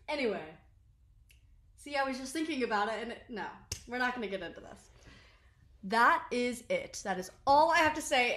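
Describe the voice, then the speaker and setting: A young woman creating social media content speaks casually to camera about her favorite makeup products, leaning on "like" and poking fun at herself. She has a slightly high, fairly bright voice, echoing in the small indoor bedroom.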